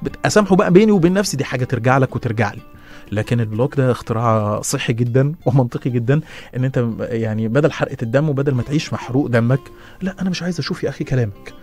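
A middle-aged man with an Egyptian accent, hosting a casual radio advice show and answering listeners, with quick restarts and lively asides. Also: mid-range voice. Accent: Egyptian Arabic. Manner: fast, lively, stumbling restarts and laughs. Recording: radio studio with faint music behind.

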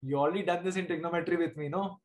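A man's voice: a little high, fairly even intonation, rapid-fire. A middle-aged man with an Indian accent teaching a live online maths lesson, informally, checking understanding with short questions. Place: indoors at a desk, screen-share video class.

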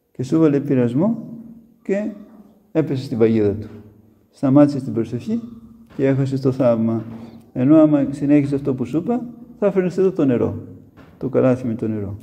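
A man's voice: mid-range voice, gravelly, dark tone. A male monk preaching a sermon, telling stories and acting out the dialogue in a church. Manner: storytelling with quoted dialogue.

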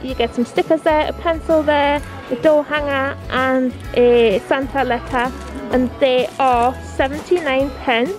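Recording on a handheld camera in a big indoor discount store, a family vlogger from Newcastle upon Tyne, England, a woman in her thirties with a Geordie accent, enthusiastically chats through a casual shop-with-me vlog, reading out prices and showing finds. Her voice sits high, with fairly even intonation and a slightly slow pace. Store music and shoppers' crowd noise fill the background.

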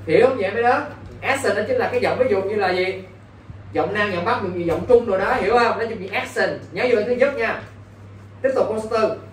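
Speaking in a high-pitched, fairly quick voice, a male English teacher leads exam preparation and keeps quizzing his students, often checking "got it?" The recording feels roomy, with a distant mic and faint background noise.

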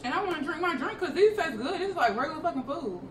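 A woman's voice: high-pitched, expressive, quick pace. A young woman chatting casually in a blunt, sweary, slangy way. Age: young adult. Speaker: vlogger doing a noodle eating challenge. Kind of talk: casual chat. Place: living room sofa, indoors. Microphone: camera a few meters away. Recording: roomy, distant, noisy camera audio.

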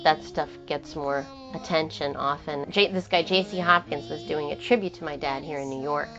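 Interviewed in New York, a woman singer-songwriter with a low-pitched voice talks casually, circling back, restarting and letting thoughts trail off. The recording sounds muffled and lo-fi, with guitar plainly playing beneath her.

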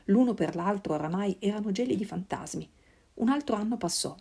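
A woman reading a literary novel aloud in a measured, solemn way. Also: mid-range voice, expressive, vocal fry, dark tone, husky. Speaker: reader.

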